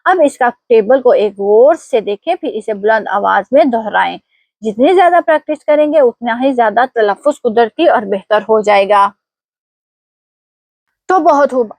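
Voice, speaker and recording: A woman teacher giving an online language lesson, explaining pronunciation rules slowly and quizzing her viewers. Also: a little high, dry recording. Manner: slow, deliberate explanations with quiz prompts.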